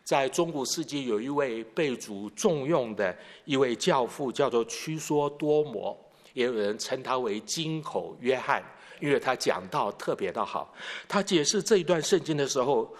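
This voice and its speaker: Man, pastor, expository sermon, rhetorical questions, mid-pitched voice, long hall reverb. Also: animated, normal speed.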